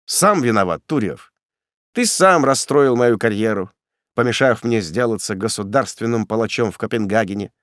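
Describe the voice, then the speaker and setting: A man voicing a grim male executioner who talks down to his prisoner in a cold, sneering, gruff way. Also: fairly low pitch, lively intonation, moderate pace, a bit bright, no echo, studio quality. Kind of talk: audiobook character voice.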